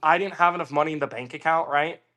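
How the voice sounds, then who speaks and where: A man with a slightly high voice talks quickly while telling a long, casual tale on a podcast where he's a guest. Lively and foul-mouthed, he acts out quoted voices as he goes.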